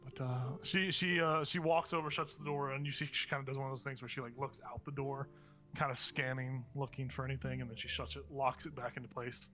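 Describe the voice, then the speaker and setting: A man's voice: mid-range voice, fairly even intonation, fairly quick, sharp tone, faint music behind. A man working as game master, casually narrating a tabletop role-playing session.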